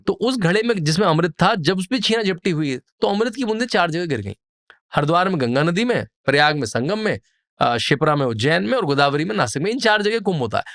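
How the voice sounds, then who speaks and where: A man's voice: sits high, big pitch swings, a little fast, a bit bright, no echo, clean studio sound. Man with a vivid, explanatory manner. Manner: vivid, descriptive, builds scenes with lists. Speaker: podcast guest. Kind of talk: explanatory storytelling interview.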